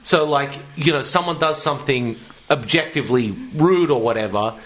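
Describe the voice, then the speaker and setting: A man's voice: medium pitch, moderate pace, a bit bright. A man, co-hosting a comedy podcast and telling stories in casual, sweary chat. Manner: swears freely, tells stories with laughs. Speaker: podcast co-host.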